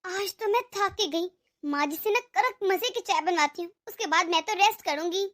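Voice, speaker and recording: A bossy young cartoon daughter-in-law. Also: female voice, extremely high pitch, a little fast. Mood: scolding. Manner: sharp, scolding, impatient. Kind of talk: cartoon dub voice acting.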